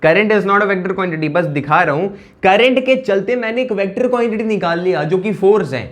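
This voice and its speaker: A man's voice: high voice, expressive, moderate pace. A man teaching a physics lecture in a conversational way, often repeating phrases and asking the class for a yes or no.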